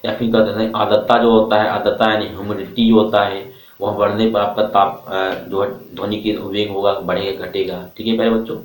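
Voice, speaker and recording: Brisk and low-pitched with little pitch movement, this teacher lectures in a classroom that has a board. He keeps quizzing the students and repeating back what they say, captured from a distance with a roomy sound.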